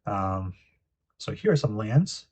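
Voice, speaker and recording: A man's voice: fairly low pitch, sing-song, slow pace, darkish tone, husky. A young man hosting a casual card game review, reading card text aloud between frequent ums and uhs. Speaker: card game video host.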